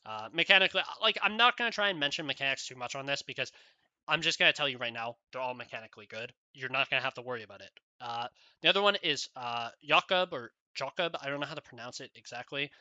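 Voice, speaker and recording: A man's voice: medium pitch, quick pace, sharp tone, no echo, muffled recording. A man giving rambling solo esports commentary, casual, with many fillers and "right?" tags.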